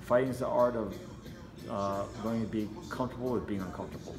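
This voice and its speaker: Speaking quickly in a lowish voice, a man acts as a martial arts trainer being interviewed, explaining in a relaxed, conversational way full of "you know." The setting is an indoor gym with mats, captured by a camera a few feet away amid echo and faint background music.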